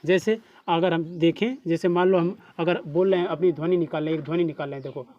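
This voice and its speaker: A man's voice: on the high side, fairly even intonation, quick pace, darkish tone. Man teaching, Bhojpuri accent, quizzes the class, classroom, dull lo-fi sound. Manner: repeats questions back to the class. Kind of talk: classroom lesson.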